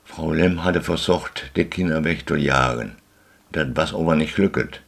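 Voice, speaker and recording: Deep gravelly Low storyteller man. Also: moderate pace. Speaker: narrator. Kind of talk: reading a story aloud.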